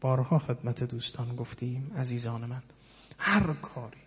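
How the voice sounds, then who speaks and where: A man's voice: mid-range voice, breathy edge. A man giving a sermon and teaching, explaining words one by one and asking rhetorical questions. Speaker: preacher. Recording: dull lo-fi sound in a long-reverb hall.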